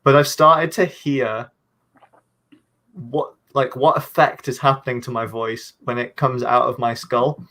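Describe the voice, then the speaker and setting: This man, a video creator on a casual online panel, has a medium-pitched, slightly nasal voice that is bright and forceful yet steady and unhurried. He rambles, stumbles into restarts, and jokes at his own expense.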